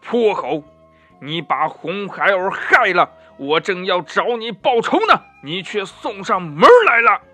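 A man's voice: high voice, expressive, a little slow, faint music behind, voice pushed up, exaggerated voice. A man voicing a wrathful male Taoist immortal in a children's storybook, scolding angrily. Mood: furious. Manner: angry, scolding shouts.

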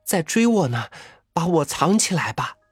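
A man voicing a timid, mysterious young girl with a soft, hoarse voice. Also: a little high, sing-song, moderate pace, no room sound, studio quality, soft background music, pitched above the performer's own voice. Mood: pleading. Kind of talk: storytelling reading.

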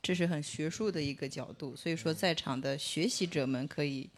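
A woman's voice: sits low, brisk. Female singer co-host, chatty, affirming. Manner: conversational, affirming. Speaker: singer co-hosting a livestream. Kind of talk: livestream music talk.

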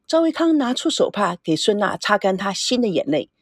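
A woman narrating a novel as an audiobook in an expressive storytelling manner. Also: mid-range voice, fairly quick, husky, no room sound, studio quality.

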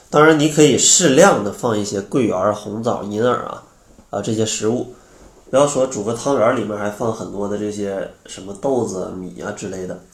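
A man's voice: medium pitch, a little mellow. A man hosts an explanatory health advice show as a weight-loss coach, repeating key phrases for emphasis. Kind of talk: explanatory advice talk to listeners. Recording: roomy, echoing sound.

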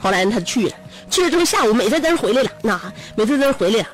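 A woman radio host with a Northeastern Mandarin accent tells a story in casual chat. She is chatty and teasing, and her pitch swings freely. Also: big pitch swings, quick pace, faint music behind. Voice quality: chatty, laughs often, teasing.

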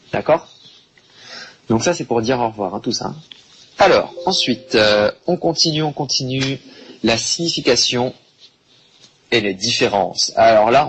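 A man teaching a French lesson to Chinese speakers, patient and repetitive, slowing down to stress words. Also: medium pitch, breathy edge. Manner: patient, repetitive, slow and emphatic.

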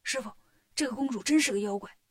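A woman voicing a bold, quick male monkey hero who talks in a brisk, commanding way. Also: fairly high pitch, natural voice.

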